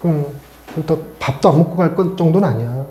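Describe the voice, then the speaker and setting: High-voiced pastor preaching in an echoey church. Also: male voice, brisk, background noise. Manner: conversational and animated, with playful asides to the congregation. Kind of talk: sermon. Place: church sanctuary.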